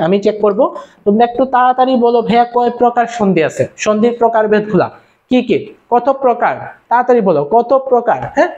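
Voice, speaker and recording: Fast-talking young male tutor, lo-fi stream. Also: high-pitched, a little mellow. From Bangladesh. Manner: fast, repetitive, calls out questions to viewers. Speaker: online tutor. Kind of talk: live-streamed class lecture. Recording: dull lo-fi stream audio.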